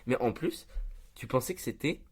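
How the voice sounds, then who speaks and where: A man's voice: medium pitch, expressive, normal speed, breathy edge. A young man hosting a casual chat among friends, telling stories animatedly and laughing often. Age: young adult. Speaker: podcast host.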